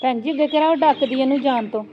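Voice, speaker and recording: Outspoken aunt, played by a woman, firm and lecturing, rapid delivery. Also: high-pitched, lo-fi sound, natural voice. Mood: stern. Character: wise outspoken aunt who lectures the family. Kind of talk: amateur family drama.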